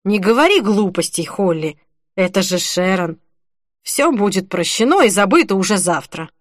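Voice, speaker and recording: A woman's voice: medium pitch, sing-song, normal speed, no echo, studio quality. A woman reading an earnest, persuasive grown man. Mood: gentle, firm. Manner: earnest, persuasive, gently firm. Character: grown man consoling a grieving friend. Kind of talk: audiobook character reading.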